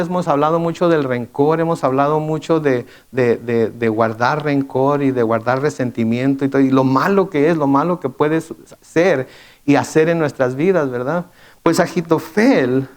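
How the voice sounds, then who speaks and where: Man, pastor, midweek sermon, slightly high voice, rhetorical questions, repeated fillers. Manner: conversational, asks the congregation rhetorical questions; repeats words and restarts with fillers.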